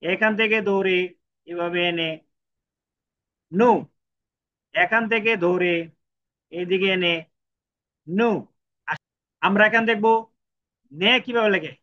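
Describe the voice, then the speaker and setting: A man's voice: sits high, slow pace, pauses often. A man teaching how to write Japanese characters, repeating each stroke step by step. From Bangladesh. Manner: repetitive, counts out each stroke. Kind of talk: step-by-step writing lesson. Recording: dull lo-fi recording.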